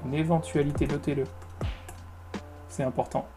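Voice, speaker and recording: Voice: mid-range voice, level tone, moderate pace. Online English lesson host, step-by-step explanations in French, music bed audible. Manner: patient, explains step by step and repeats words. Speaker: English teacher.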